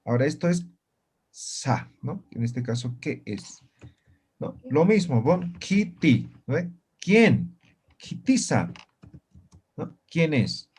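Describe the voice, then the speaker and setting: A man teaching an online language class, speaking slowly and patiently and often checking that students follow. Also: a little high, big pitch swings, darkish tone, breathy edge. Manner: slow, patient, keeps checking students understand.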